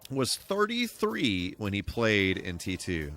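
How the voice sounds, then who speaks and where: With music in the background plus a little hiss or hum, this streamer speaks slowly in a lowish, somewhat bright voice whose pitch swoops wildly. He chats casually with viewers while gaming, adding playful exclamations and sing-song bits.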